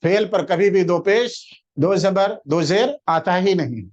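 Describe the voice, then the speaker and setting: A man teaching a classroom grammar lesson, explaining patiently, quizzing his listeners with questions and slowing down to spell out example words. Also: high-pitched, a little mellow, lo-fi sound.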